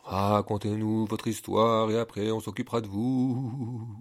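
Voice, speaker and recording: A man's voice: fairly low pitch, little pitch movement, unhurried. A man doing menacing storybook monsters. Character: menacing monsters, gleeful and threatening.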